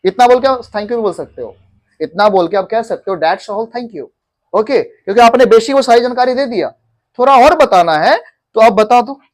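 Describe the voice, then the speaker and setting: Speaking in a very high voice with lively intonation at a moderate pace, an Indian-accented teacher leads an English lesson. He blends Hindi with English, quizzes the class, and has them repeat after him.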